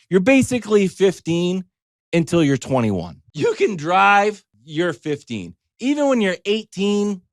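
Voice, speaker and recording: A middle-aged American man with a slightly high voice tells a story as a show host, delivering a casual, wry comic monologue and acting out small quoted asides. The audio is studio quality with no room sound.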